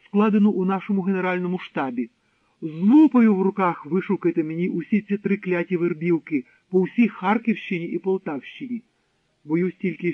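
Guy doing a cruel pompous nazi officer, barky, high, thin phone-ish audio. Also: dry recording. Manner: barking, shouting, pompous. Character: arrogant German SS captain, cruel, boastful. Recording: dry, tinny narrow-band sound.

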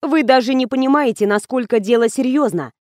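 A woman's voice: high-pitched, brisk, a little mellow, no echo, clean studio sound, lightly acted. A woman voicing a stern woman investigator who talks in curt, commanding lines.

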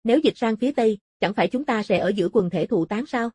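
A woman voicing a calm, knowledgeable older male master in a storybook reading, explaining things in a measured way. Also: on the high side, husky, dry recording, clean studio sound.

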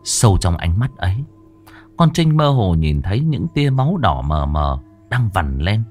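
A male storyteller reads a scripted ghost story, drawing out the dread. His voice is very deep yet highly animated in melody, with faint music playing beneath. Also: a little slow. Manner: dramatic, lingering storytelling. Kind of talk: scripted horror narration.

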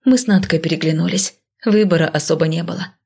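Low-voiced woman narrating an audiobook. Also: fast talker, gravelly, a little mellow, breathy edge. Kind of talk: scripted first-person audiobook narration.

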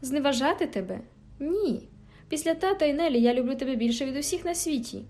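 Storybook teen girl, fiery yet tender, read by a woman, higher voice, faint music behind. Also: animated, brisk, mellow. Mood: pleading. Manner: emphatic, indignant outbursts. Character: spirited teenage girl, quick-tempered but tender.

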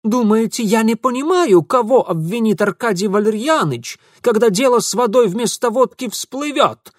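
A man doing a shrill, indignant young accuser. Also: lively intonation, normal speed, no room sound, studio quality. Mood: contemptuous. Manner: shrill, scolding, contemptuous. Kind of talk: audiobook character voicing.

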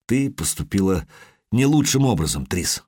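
A man voicing a gruff adult witcher speaking low and restrained in an audiobook. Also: very animated, normal speed, a little mellow, dry recording, clean studio sound, full character voice.

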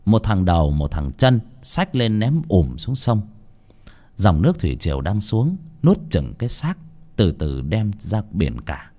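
A man narrating a horror story in an expressive, dramatic way. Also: fairly low pitch, unhurried. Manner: expressive, swooping intonation. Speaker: audiobook narrator.

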